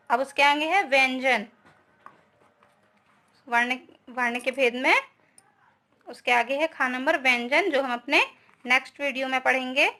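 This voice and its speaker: A woman's voice: high-pitched, sharp tone. A young woman teaching a grammar lesson, explaining step by step and often checking with her students.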